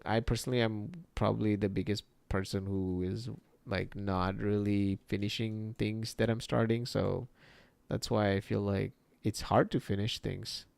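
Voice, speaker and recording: Man, low voice, strong vocal fry, casual livestream host, rambling, answers chat, laughs a lot. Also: normal speed, dry recording. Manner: relaxed, rambling, reacts to viewer chat; laughs often, swears casually.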